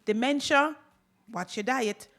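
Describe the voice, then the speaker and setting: A woman's voice: on the high side, takes it slowly, a bit bright. A woman, a holistic clinic doctor, promoting her clinic on a radio talk show with emphatic repetition. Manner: emphatic, repeats words for effect, laughs often. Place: radio studio.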